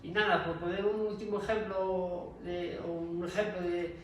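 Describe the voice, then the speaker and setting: A man's voice: high voice, level tone, normal speed. A man giving a loosely improvised academic panel talk in a hesitant, discursive manner, with frequent check-tags. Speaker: panel speaker. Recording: very echoey, distant mic, faint noise.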